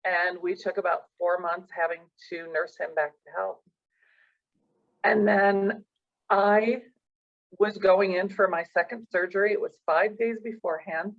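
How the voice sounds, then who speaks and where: A woman's voice: mid-range voice, fairly even intonation, measured pace. A middle-aged woman, a professional coach, earnestly tells a personal story in an interview, acting out the dialogue she recalls. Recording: dull lo-fi sound.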